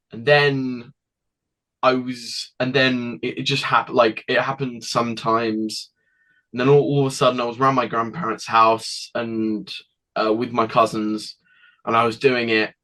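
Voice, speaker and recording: A teenage boy, a guest telling his story in a rambling, halting way with frequent restarts. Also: medium pitch, sharp tone, rough recording. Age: teens. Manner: rambling, halting, with many restarts and acted quotes. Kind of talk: casual interview storytelling.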